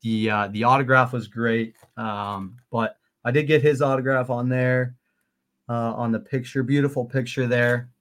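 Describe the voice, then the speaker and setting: Excited young man telling a story. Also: mid-range voice, normal speed. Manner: excited, rambling with fillers. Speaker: podcast co-host. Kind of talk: casual storytelling.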